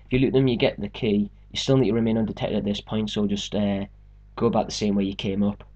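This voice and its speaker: A man's voice: fairly low pitch, flat delivery, fast, warm tone, dull audio. A young man casually talking through a game walkthrough, explaining steps and joking around. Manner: chatty, joking, explains step by step. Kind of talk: casual gameplay commentary.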